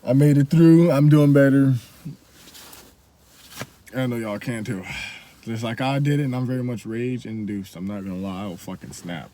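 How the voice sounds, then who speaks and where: A man's voice: medium pitch, moderate pace, long pauses, mellow, slight background noise. A young man casually recounting a story about an old job, blunt and profane. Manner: blunt, profane, laid-back retelling. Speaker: storyteller vlogger.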